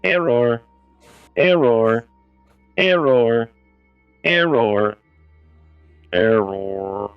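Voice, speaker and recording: A man's voice: medium pitch, very slow, pauses often, clear, resonant tone, lo-fi sound, faint music behind. A man doing a glitching robot librarian. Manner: clipped, formal, monotone robotic delivery. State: glitching robot repeating an error. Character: prim, fussy robot librarian, male.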